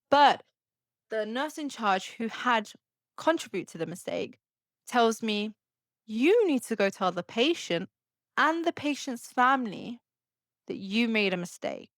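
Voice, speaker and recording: A young adult woman, a podcast host and nurse, telling a story in a casual, animated way and acting out the people she quotes. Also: mid-range voice, moderate pace, no echo, studio quality. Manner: animated, acts out quoted dialogue.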